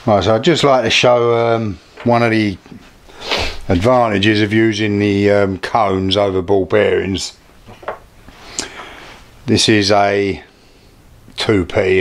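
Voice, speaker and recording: Plain-spoken British man giving a demonstration. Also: fairly bright tone. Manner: plain-spoken, unpolished, low-key. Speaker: hobby craft video host. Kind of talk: informal hands-on demonstration.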